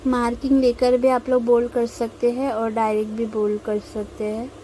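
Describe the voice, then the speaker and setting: A mehndi tutorial host, young and from India, explains her drawing step by step in an unhurried, patient voice-over full of pauses. Her tone is warm and mellow, not bright, even though her pitch sits a little high. Faint hiss and rough recording quality accompany her.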